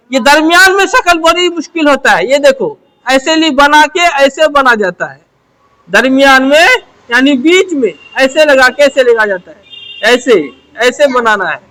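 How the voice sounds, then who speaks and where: High-voiced woman drilling letters. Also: fairly bright tone. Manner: asks questions and answers them herself, repeating phrases. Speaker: Urdu teacher. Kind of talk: letter-by-letter script lesson.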